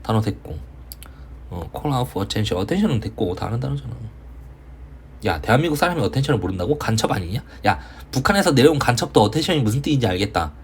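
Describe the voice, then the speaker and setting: A man teaching English vocabulary in an online lecture for high school students, with casual joking banter. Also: very animated, fairly quick, slight background noise. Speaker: English tutor.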